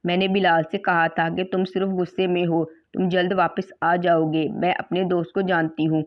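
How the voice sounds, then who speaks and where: Woman reading as a lonely heartbroken girl murmuring to herself, low voice, dull audio. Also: level tone, close to an everyday voice. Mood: longing. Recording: slightly dull lo-fi recording.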